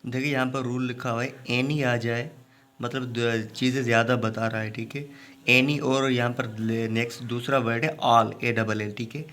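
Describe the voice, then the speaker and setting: A man teaches a grammar class in a voice of middling pitch. He walks through each rule patiently, pauses to check with his students, and slows right down whenever he reads out an example sentence. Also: fairly even intonation, a bit bright. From Pakistan. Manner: explains step by step, often adds a checking "okay".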